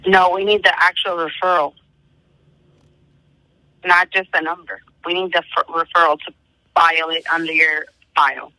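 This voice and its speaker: Bright, dry-sounding woman on the phone. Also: lowish voice, fairly even intonation, normal speed, long pauses, no echo. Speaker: call center agent. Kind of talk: customer service phone call. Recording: dry, bright telephone line.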